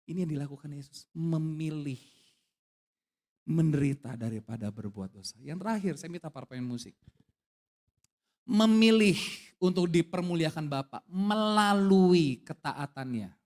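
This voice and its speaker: Animated male preacher with wide-swinging pitch. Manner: lively preaching with questions to the congregation; casual slangy asides and jokes. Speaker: pastor. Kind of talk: sermon. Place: church service.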